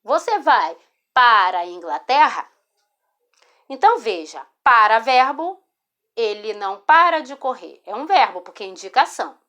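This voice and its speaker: A woman's voice: on the high side, very animated, pushed and bright. A Brazilian woman teaching a spelling lesson, explaining patiently and checking in with her students as she goes. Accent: Brazilian Portuguese. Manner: slow, patient, repeats words and checks in with "tá?". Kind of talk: explaining a spelling lesson over a screen recording. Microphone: phone or screen recorder mic.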